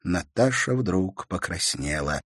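A man narrating an audiobook in an expressive storytelling manner. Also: deep voice, takes it slowly, breathy edge, no room sound, studio quality. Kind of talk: scripted narration.

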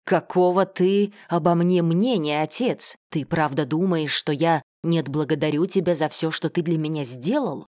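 Woman doing a hot-headed rich guy, harsh and mocking, lowish voice. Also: normal speed, hardly any pauses, darkish tone, no echo, clean studio sound, natural voice. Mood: indignant. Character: hot-tempered wealthy man, domineering, scornful.

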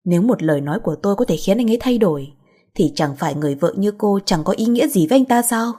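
A woman's voice: medium pitch, lively intonation, mellow, husky. A woman voicing a composed, principled young married woman who speaks firmly. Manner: firm, measured.

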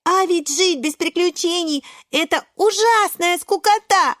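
Woman voicing a little spinach boy, breathless, eager, very high, dry close sound. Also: measured pace, a bit bright, no echo. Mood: eager, insistent. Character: excitable little boy spinach sprout, impatient.

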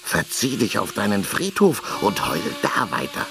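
A man's voice: lowish voice, wildly swooping pitch, measured pace, creaky, pitched above the performer's own voice, heavily acted. A man doing a snarling, stammering villain. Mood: hissing. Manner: hissing through teeth, stammering when scared. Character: sly grown male villain, hot-tempered and cowardly.

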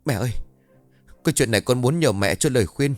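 A man's voice: mid-range voice, lively intonation, brisk, dry recording, faint music behind, close to an everyday voice. A man voicing a fierce, bossy middle-aged village mother who scolds her children in a harsh, urgent way. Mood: pleading.

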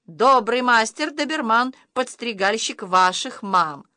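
A woman's voice: a little high, animated, takes it slowly, bright, forceful tone, dry recording, clean studio sound, voice pushed up, exaggerated voice. A woman voicing a sly, villainous male dog barber who barks commands and hisses. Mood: menacing. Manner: hissing, barking commands.

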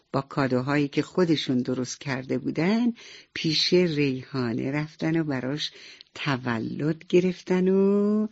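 A woman narrating a radio bedtime story, speaking directly and warmly to the children listening. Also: low-pitched. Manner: warm, addresses children directly. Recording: slightly dull radio recording, soft music behind.

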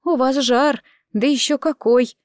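A woman voicing a bustling, chatty chambermaid who fusses and exclaims in folksy speech, pitched well above her own voice. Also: measured pace, a little mellow, no room sound, studio quality. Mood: worried. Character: bustling kind-hearted female chambermaid, chatty and fussy.

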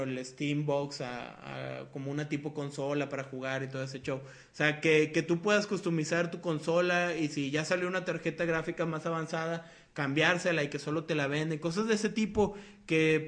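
A young Mexican man hosts a casual podcast chat, his voice sitting a little high for a man. He rambles loosely and drops slang and swear words as he goes. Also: fairly bright tone. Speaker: podcast host.

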